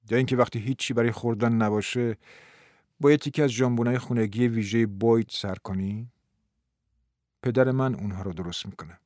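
A man voicing a weary, downcast young man in a low, subdued and husky manner for an audiobook. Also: darkish tone, dry recording, studio quality, natural voice. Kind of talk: audiobook reading.

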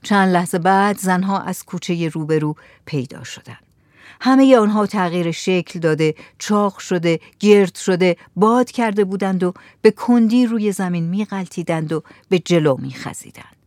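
A woman narrating a story in a measured, even reading voice. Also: fairly low pitch, no echo, clean studio sound.

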